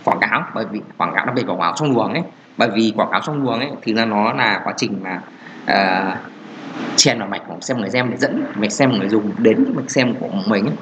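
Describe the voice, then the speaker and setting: A man hosts a casual solo podcast about marketing, rambling along with lots of fillers and restarts. His voice is on the low side and he talks fast. The audio sounds dull, with a noisy background.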